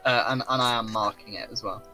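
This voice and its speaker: A man's voice: mid-range voice, steady tone, fast, sharp tone, soft background music. A man playing a tabletop game, speaking casually, hesitant and polite. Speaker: player.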